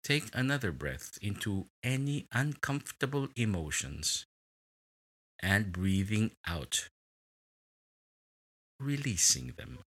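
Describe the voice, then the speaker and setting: A man with a deep, low voice guides a relaxation meditation at an unhurried pace. His tone is bright and clear, and his pitch rises and falls expressively as he lingers on each word. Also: very animated. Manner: slow, soothing, with long pauses.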